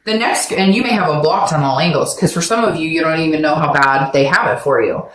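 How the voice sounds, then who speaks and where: A woman reads tarot cards in a chatty, animated way, slipping into voices for quoted lines. Her throat is sore, and the room has a noticeable echo with a faint hum of ambience behind her. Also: sits low, fast talker. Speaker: tarot reader. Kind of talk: casual tarot reading.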